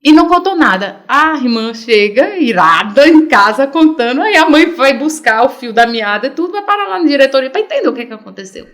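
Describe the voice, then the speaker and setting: A middle-aged Brazilian woman with a Brazilian Portuguese accent, a podcast guest chatting casually and telling anecdotes lively, acting out the quoted voices. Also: sits high, a little fast, hardly any pauses. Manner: animated storyteller, acts out quoted voices. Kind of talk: casual chat.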